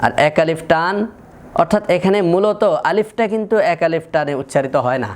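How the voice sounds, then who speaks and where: Male Quran teacher, high voice, patient drilling delivery, light hiss. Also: lively intonation, fairly quick. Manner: patient, methodical, repeats sounds to demonstrate. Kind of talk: slow, deliberate lesson with repeated sample sounds.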